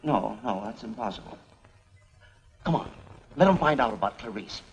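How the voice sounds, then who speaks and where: A man's voice: lowish voice, big pitch swings, normal speed, gravelly, husky, heavily acted, low-quality recording. An actor playing a jittery, pleading young man in 1930s screwball comedy banter, on an old film soundtrack.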